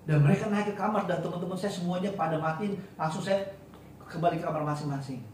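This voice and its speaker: A man from eastern Indonesia preaches and tells his testimony with lively, animated storytelling. His voice sits high for a man. It rings through a large, very echoey church hall, picked up from a distance. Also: quick pace, slight background noise. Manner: animated storytelling, acts out friends' voices, sings snatches. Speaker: pastor. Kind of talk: sermon with personal testimony.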